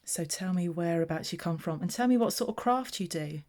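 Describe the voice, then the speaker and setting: A woman from southeast England demonstrates papercraft, chatting casually and friendly as she narrates each step of her hands-on work in a how-to tutorial. Her low voice is mellow, unhurried and expressive.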